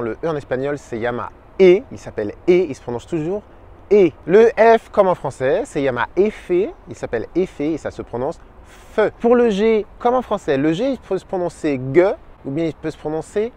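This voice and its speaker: A man giving an upbeat video lesson as a language teacher, sounding out each letter slowly and clearly. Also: fairly high pitch, sing-song, dark tone. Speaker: Spanish teacher.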